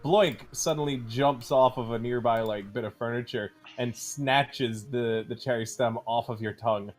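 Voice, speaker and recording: A man's voice: mid-range voice, moderate pace, soft background music. A man narrating as game master, loose and easygoing, with lots of fillers.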